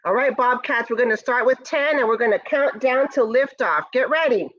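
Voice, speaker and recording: Reading aloud to young children, this woman uses a higher-leaning voice at normal speed, animating the picture book and pausing to address the kids directly. Her tone is fairly bright, though the recording loses its highs.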